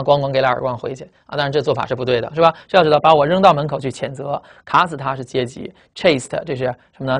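A man teaching English vocabulary in a recorded lecture, explaining fast with lots of repetition and tag questions, speaking. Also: a little high, fairly bright tone.

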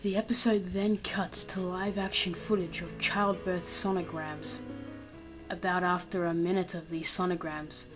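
Low-voiced woman narrating a horror story. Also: poor audio. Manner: steady reading, dropping quiet and slow for grim parts. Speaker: creepypasta narrator. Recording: narration over loud background music.

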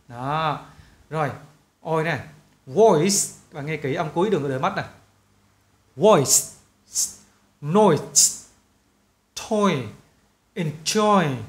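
Young male English teacher with a Vietnamese accent, slightly high voice, drills words with emphasis. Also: reverberant. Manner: lively, repeats model words slowly and loudly. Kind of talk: pronunciation lesson.

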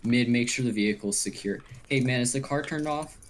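A man's voice: medium pitch, brisk, slight background noise. A man in voice-chat role-play as a fire crew leader, giving practical, directive instructions.

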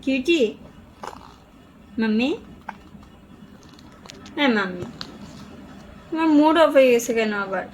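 High-pitched young woman cooing baby talk. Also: expressive, unhurried, pauses often, faint music behind, low-quality recording. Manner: cooing, sing-song, playful scolding. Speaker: aunt playing with a baby niece.

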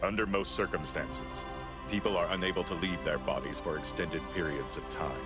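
An actor playing a huge, stoic male android in a video game, speaking in a grave, measured, formal way. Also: low voice, steady tone, over loud music, close to an everyday voice. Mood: calm, formal. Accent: American. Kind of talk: video game cutscene acting.

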